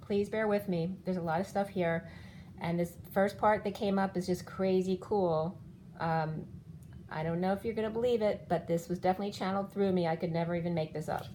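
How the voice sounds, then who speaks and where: Her voice is warm, fairly low, and even in intonation, moving a little fast as this fiftysomething tarot reader rambles spiritually through each card. She is losing her voice, and it keeps giving out. The recording is rough, with a little hiss or hum.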